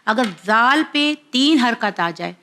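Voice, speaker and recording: A woman teaching a children's lesson, explaining quickly and then drawing out syllables slowly for the children to repeat. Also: a little high, lively intonation, bright, forceful tone. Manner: brisk explaining, slow drawn-out syllable drills. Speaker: Quran reading teacher. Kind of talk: children's lesson on vowel marks.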